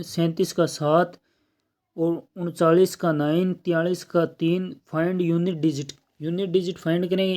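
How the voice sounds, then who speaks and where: Higher-pitched male math teacher, mellow. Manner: explains step by step, often checks with "ठीक है". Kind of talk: exam-prep math lesson.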